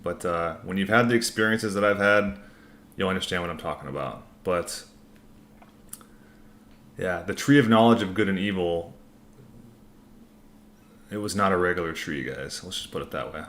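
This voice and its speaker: Really low voiced guy doing a livestream q&a, laid back and kinda rambling, answering chat. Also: moderate pace, pauses often, fairly bright tone. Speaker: livestream host. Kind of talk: casual livestream Q&A, reading and answering chat comments.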